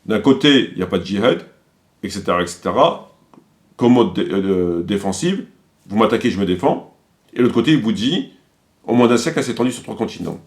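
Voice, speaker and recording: Presenting a video, a male commentator delivers polemical, accusatory commentary, hammering home points by repeating phrases. His voice sits on the low side, with lively intonation and a slightly fast pace.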